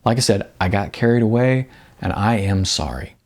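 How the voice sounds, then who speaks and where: For an audiobook, a man voices a laid-back, apologetic young movie star, talking in a halting, casual and earnest way. His voice sits on the low side and sounds animated.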